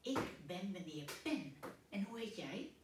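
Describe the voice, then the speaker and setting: A fussy, kindly little old man, fretting and emphatic with a lively swing in the voice, as a woman reads him aloud. The recording is echoey and slightly distant. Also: medium pitch, takes it slowly, very noisy. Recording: echoey room, distant mic.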